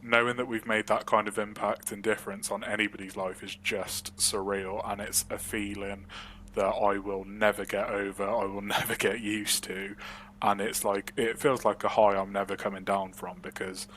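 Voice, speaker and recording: A young man chats on a podcast in a fairly low voice, open and rambling, laughing as he goes. A faint hum sits under the recording. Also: flat delivery, normal speed, fairly bright tone. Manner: candid, rambling, laughs often. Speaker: podcast co-host. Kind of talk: casual podcast chat.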